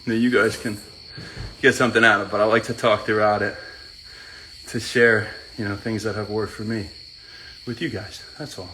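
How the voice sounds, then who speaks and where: A man's voice: on the low side, little pitch movement, normal speed, long pauses, pushed and bright, slight background noise. A man hosting a casual live stream, reading out viewers' names one by one and greeting each as he works out. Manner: chats while working out.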